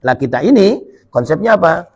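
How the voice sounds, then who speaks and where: A man's voice: fairly high pitch, very animated, a little fast, breathy edge. A male preacher, giving a jokey, colloquial sermon at a mosque gathering after dawn prayer, reading and explaining Arabic text. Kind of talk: humorous sermon.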